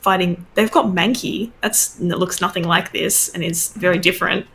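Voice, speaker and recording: A woman's voice: lowish voice, fairly even intonation, vocal fry, fairly bright tone, slight background noise. Female co-host, giggly, candid, conversational. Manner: giggly, frank, quick to laugh. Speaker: podcast co-host. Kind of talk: casual chat.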